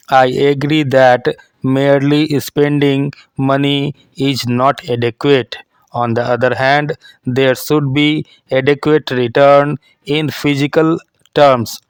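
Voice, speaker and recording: Slow, flat-toned man dictating. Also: medium pitch, smooth, no echo. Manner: measured dictating in short phrases, calling out paragraph breaks. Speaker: dictation reader for stenography practice. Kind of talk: dictating a scripted speech for shorthand practice.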